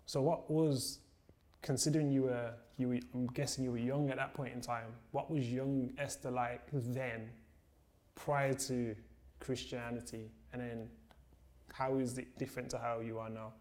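A man's voice: medium pitch, flat delivery, moderate pace, a little mellow. A man hosts a casual interview, asking questions in an encouraging, conversational way. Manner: encouraging, frequent affirmations.

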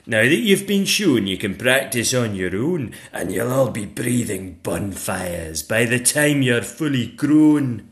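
A man voicing a female dragon teacher in a storybook, loud and encouraging, with emphatic, drawn-out schoolteacher delivery. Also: mid-range voice, sing-song. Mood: stern, instructive.

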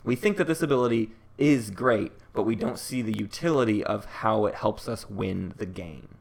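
A man with a low voice and a gravelly, creaky edge co-hosts a laid-back podcast. He talks strategy in an easygoing, analytical way and laughs easily. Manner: chatty, analytical, quick to laugh. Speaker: podcast co-host. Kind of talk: casual podcast discussion of a board game.

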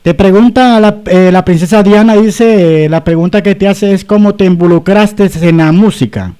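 A male host runs a casual interview and reads the questions out calmly. His voice is fairly high and mellow. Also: moderate pace, smooth. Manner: relaxed, reads questions from a list. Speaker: radio host.

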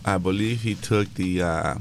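A man's voice: sits low, measured pace, vocal fry, slight background noise. A man, a rod-building guest, answering hesitantly with many fillers, off the microphone.

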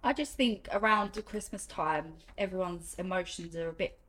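A woman, a nurse, giving informal interview answers in a hesitant, reflective way with frequent pauses. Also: fairly low pitch, a bit bright, low-quality recording. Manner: hesitant, reflective, many pauses and "you know". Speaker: hospice nurse. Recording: light ambient background noise.

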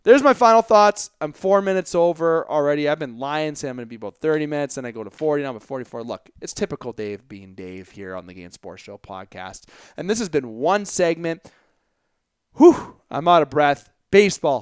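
A man's voice: medium pitch, smooth, no echo, clean studio sound. A young man hosting a solo sports podcast, rambling and chatty, often breaking off and restarting his sentences. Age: young adult. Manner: rambling, chatty, self-interrupting. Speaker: podcast host.

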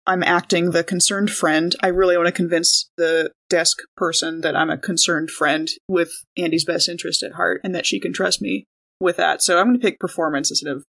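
A woman with a lowish, creaky voice and fairly bright tone speaks briskly with fairly even intonation. She's playing a tabletop role-playing game, chatting casually and thinking aloud as she improvises.

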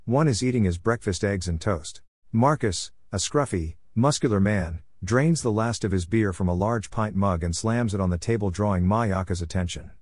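A man narrating screenplay scene directions in an even, matter-of-fact reading. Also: fairly low pitch, normal speed, no echo.

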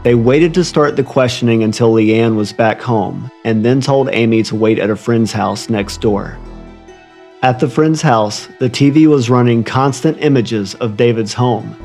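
A man's voice: mid-range voice, unhurried, darkish tone. Male true crime narrator over music. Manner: literary, ominous storytelling. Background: music under the voice.

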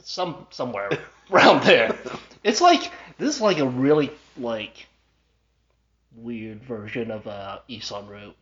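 A man's voice: mid-range voice, expressive, takes it slowly, a bit bright. A man co-hosting a casual podcast chat, laid-back and chuckling, trailing off into fillers. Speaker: podcast co-host. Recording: dull lo-fi podcast audio.

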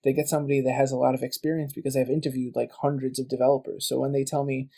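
A man's voice: medium pitch, little pitch movement, very fast, creaky, warm tone. A man guesting on a podcast, chatting casually and telling stories full of quoted back-and-forth. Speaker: guest, game writer and voice actor.

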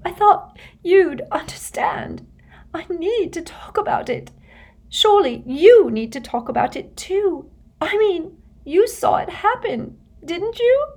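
Woman doing a shrill, tearful teenage girl. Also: very animated, takes it slowly, a little mellow, full character voice. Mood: shrill, upset. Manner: high, shrill, crying.

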